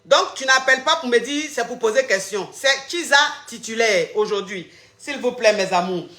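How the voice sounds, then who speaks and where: A woman's voice: on the high side, lively intonation, normal speed, bright, forceful tone, echoey room. A woman hosting a live call-in show on a livestream, chatting casually and teasing her callers with playful repetition.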